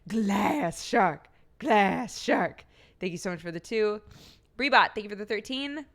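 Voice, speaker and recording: A woman streamer chats casually and thanks subscribers one by one, her throat slightly phlegmy. She's giggly, laughing often between lines, with an expressive mid-range voice and a slightly slow pace.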